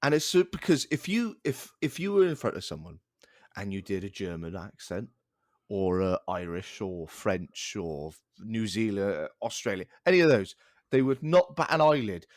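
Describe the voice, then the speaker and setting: A man's voice: fairly low pitch, very animated, moderate pace, no room sound, clean studio sound. A young man co-hosting a casual podcast, ranting in exasperation and restarting his sentences. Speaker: podcast co-host.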